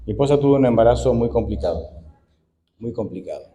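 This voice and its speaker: An Argentine pastor in his forties, preaching in a conversational way and peppering the congregation with rhetorical questions. His pitch swings widely, and his voice is warm and mellow. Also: lively intonation, a little fast. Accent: Argentine Spanish. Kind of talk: sermon.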